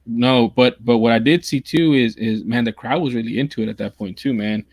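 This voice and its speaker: A man's voice: medium pitch, brisk, darkish tone, no echo. Rambling casual guy, full of fillers. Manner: rambling, many restarts and fillers like "man" and "dude". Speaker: podcast co-host. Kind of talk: casual wrestling chat.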